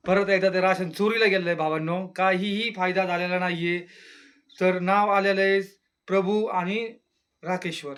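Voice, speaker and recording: The voice is male, clean and fairly bright, steady in tone and normal in speed. It is a casual solo monologue: he reviews a reality show on his channel, chatting, exclaiming, and mimicking housemates in a lowered voice.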